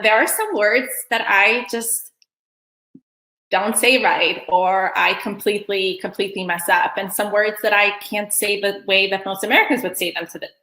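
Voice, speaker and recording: A Kosovo-born event host whose first language is Albanian leads a casual online meeting over video call, her voice bright, forward and medium-pitched. Her chatty talk is full of ums and restarts, and the room has a noticeable echo.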